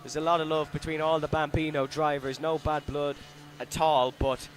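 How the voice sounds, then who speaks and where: This is live motorsport commentary from a man whose fairly high voice stays level at a moderate pace as his play-by-play swells with the racing. Soft music plays underneath, along with loud kart engines and outdoor track noise from the circuit.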